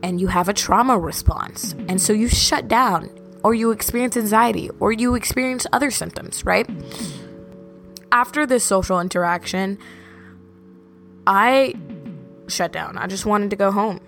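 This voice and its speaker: A woman's voice: mid-range voice, normal speed, gravelly, pauses often, a bit bright, faint music behind. A young woman telling personal stories casually as a podcast host, with a valley-girl way of talking full of "like". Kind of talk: casual personal storytelling monologue.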